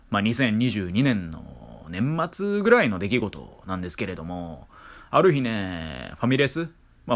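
Man, Kansai accent, streamer storytelling, wildly swinging pitch, wry and chatty. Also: a bit bright. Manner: chatty, wry, peppered with fillers. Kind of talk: casual storytelling monologue.

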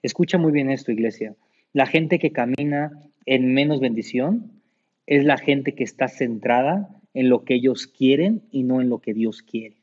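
A man's voice: mid-range voice, moderate pace, darkish tone, slightly rough, lo-fi sound. A man preaching a sermon as pastor, emphatic and repeating key lines to the congregation.

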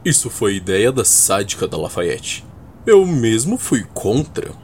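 A man's voice: fairly low pitch, sing-song, measured pace, a little mellow. A man playing a sly, teasing, flippant vampire in a radio soap opera. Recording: noisy recording.

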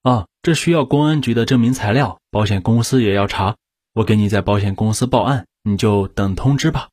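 A male narrator voicing a worried young insurance saleswoman who asks quick, anxious questions. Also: fairly low pitch, darkish tone, no room sound, clean studio sound, natural voice. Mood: soothing.

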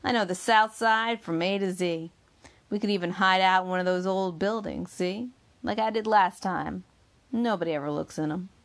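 Woman voicing a guarded young man, low and gravelly. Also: normal speed, natural voice. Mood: reassuring. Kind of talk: audiobook character reading.

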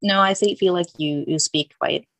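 A woman's voice: lowish voice, normal speed, no echo. A young woman from Luxembourg with an American-tinged accent, chatting as a podcast guest, talkative and full of "like" fillers. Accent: American-tinged English. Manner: chatty, laughing, heavy use of "like". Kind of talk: casual chat.

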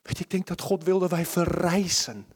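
A man preaching a sermon at a church service, impassioned, moving between loud pleading and hushed near-whispers. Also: high voice, normal speed, husky.

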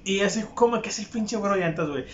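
A man's voice: sits high, lively intonation, quick pace, a little hiss or hum. A young man with a Mexican accent telling a crude personal anecdote in casual, profane, mocking talk. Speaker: storyteller. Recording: echoey room, dull lo-fi sound.

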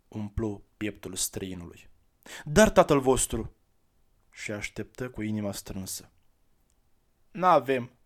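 A man narrating a storybook tale aloud in a calm, measured way. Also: medium pitch.

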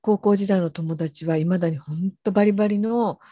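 A woman's voice: mid-range voice, normal speed, lo-fi sound, a crowd in the background. A middle-aged woman with a Fukushima accent, co-hosting a podcast in casual, chatty conversation and laughing easily. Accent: Fukushima Japanese. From Fukushima, Japan. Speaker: podcast co-host. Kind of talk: casual chat.

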